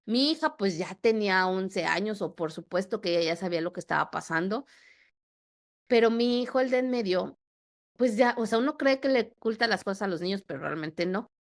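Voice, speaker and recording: A woman in her thirties or forties with a Mexican accent, a podcast guest telling a personal story in a lively way that acts out the dialogue. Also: mid-range voice, a little fast. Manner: animated, acts out dialogue with repetitions.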